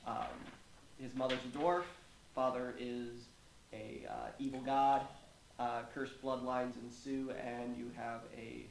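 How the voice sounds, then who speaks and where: Male player-narrator, mid-pitched, relaxed and joking; echoey room with faint noise. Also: slow, creaky. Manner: narrates with fillers, jokey asides. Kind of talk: casual tabletop chat.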